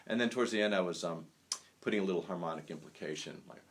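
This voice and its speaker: A man with a very low voice talks loosely between saxophone pieces. He muses aloud, full of "um" and "like". The tone is an easygoing live lesson for listeners at home. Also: fast talker, faint music behind. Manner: rambling and thoughtful, many fillers. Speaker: saxophonist teaching improvisation. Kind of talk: casual spoken lesson.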